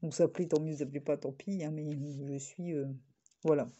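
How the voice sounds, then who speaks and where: Chatty northern French woman, husky and mellow. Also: low voice, steady tone, moderate pace. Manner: chatty, rambling with many fillers and restarts; self-described jokey, laughs often. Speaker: vlogger. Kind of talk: casual chat while crafting.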